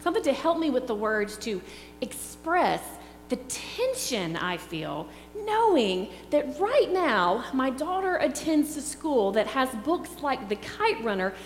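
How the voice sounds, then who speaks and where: A woman's voice: sits high, big pitch swings. A middle-aged woman preaching a sermon in an earnest, reflective way. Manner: slow, earnest, reflective delivery. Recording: echoey hall with faint hum.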